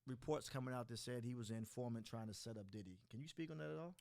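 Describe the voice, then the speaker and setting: A man's voice: medium pitch, gravelly. Man in his forties hosting a podcast, laid-back and conversational, with a mid-range voice. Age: 40s. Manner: relaxed, quick affirmations. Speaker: host. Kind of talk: casual interview.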